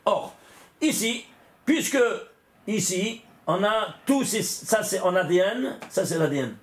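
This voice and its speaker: Rabbi teaching in an echoey room. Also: male voice, high voice, very animated, measured pace. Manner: repeats phrases, asks and answers his own questions. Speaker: rabbi teaching a Torah class. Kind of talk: Kabbalah lesson with numerology. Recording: echoey room with faint ambient noise.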